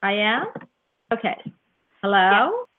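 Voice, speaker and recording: A woman's voice: medium pitch, very animated, takes it slowly, background noise. A middle-aged woman hosting a call-in show, talking flustered through a bluetooth headset mic that keeps breaking up. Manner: flustered, repeatedly asking if she can be heard. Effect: choppy bluetooth headset mic that keeps breaking up. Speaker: host of an online call-in show. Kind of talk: casual call-in chat. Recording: tinny phone line that breaks up.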